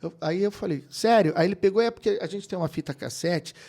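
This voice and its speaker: A middle-aged Brazilian keyboardist and music producer, a guest in a casual interview, tells animated anecdotes full of quoted voices and laughter. His voice is high-pitched with vocal fry, and he talks at a quick pace.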